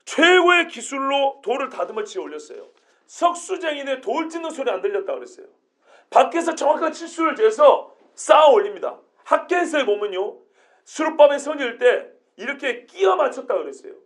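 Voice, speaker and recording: A male pastor preaching an expository sermon, animated, throwing rhetorical questions at the congregation. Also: extremely high pitch.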